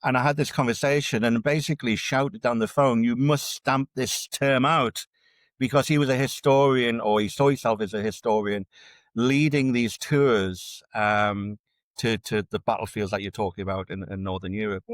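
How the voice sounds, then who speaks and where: Male academic guest, low voice, stop-start repetitions, dry close recording. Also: steady tone, normal speed, no room sound. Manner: repeats words and restarts often while building an argument. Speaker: dark tourism researcher, guest. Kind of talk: conversational academic interview.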